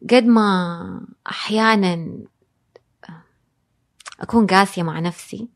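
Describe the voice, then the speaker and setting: A woman's voice: mid-range voice, measured pace, gravelly. A woman, a guest in a casual interview, speaking reflectively and dropping English phrases into her speech. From Saudi Arabia. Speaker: guest, designer and blogger.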